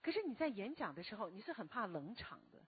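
Woman lecturer, slow and deliberate, asks her class questions, lively rising and falling pitch, slightly hoarse, dry close sound with no room echo. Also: phone-quality sound. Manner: speaks slowly and deliberately, often asking the listeners questions. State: a bit hoarse from a recent cough. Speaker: lecturer and meditation teacher. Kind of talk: spoken self-help lecture to a live class.

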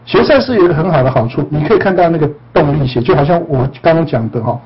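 A man's voice: on the high side, lively intonation, fast, slightly rough, dull audio. A man, a spiritual teacher and counselor, talking to a group in a playful, teasing way with frequent laughter. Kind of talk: joking talk to a group.

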